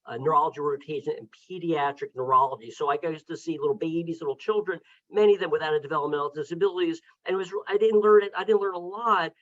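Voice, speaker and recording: A man with a somewhat high voice talks as a neurologist on a webinar panel. He stumbles and restarts often, repeating words as he gathers his thoughts. The sound is dull and lo-fi, like a video call. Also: fairly bright tone. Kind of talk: casual panel discussion.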